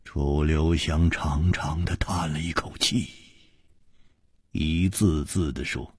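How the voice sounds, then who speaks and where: A man's voice: rumbling low, steady tone, slow, a little mellow, breathy edge, no echo, studio quality. A man narrating a martial-arts story in a scripted, dramatic reading. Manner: dramatic, wide-swinging delivery.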